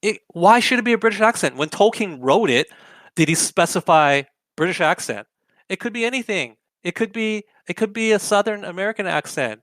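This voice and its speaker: A man's voice: high voice, lively intonation, a little fast, a bit bright, dry recording. A young adult man hosting an opinionated commentary show, arguing emphatically with lots of rhetorical questions. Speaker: political commentary host.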